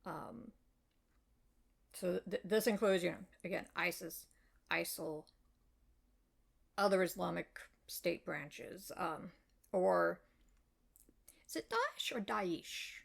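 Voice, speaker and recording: An American woman, an author, calmly replies to a reader's comment in a measured, explanatory way with frequent fillers. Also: lowish voice, vocal fry. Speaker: web fiction author. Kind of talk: reply video addressing a reader's comment.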